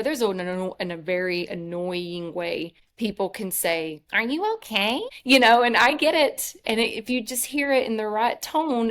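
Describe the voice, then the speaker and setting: A middle-aged woman co-hosting a podcast, telling a story in a casual, animated way with lots of fillers and restarts. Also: medium pitch. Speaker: podcast co-host. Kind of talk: casual chat.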